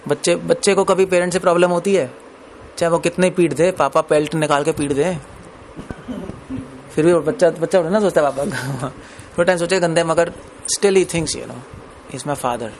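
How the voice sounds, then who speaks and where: A man gives a relaxed, chatty sermon on scripture in a slightly high voice with a gravelly edge. He drops English words into his talk and laughs lightly between his points. A faint hiss of background noise sits under the recording. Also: normal speed, long pauses. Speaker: preacher. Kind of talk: Hindi discourse on scripture.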